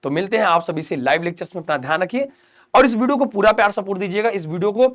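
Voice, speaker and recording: A young man giving students earnest exam study advice, with loud emphatic pushes and hushed, intense pep talk. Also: high-pitched, expressive, fast talker. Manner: earnest, addresses students as "beta" and "mere pyare bachche". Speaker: teacher. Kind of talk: motivational study-advice lecture.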